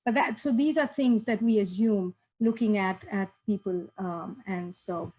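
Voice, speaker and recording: A woman from India with a medium-pitched voice runs an online workshop over a video call. She speaks unhurriedly, encourages the participants and laughs often. The background is noisy.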